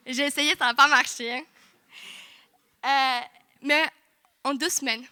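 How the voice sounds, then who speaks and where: A young woman giving a lively, chatty testimony in church, full of asides to the congregation. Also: sits high. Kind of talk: sermon testimony. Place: church hall.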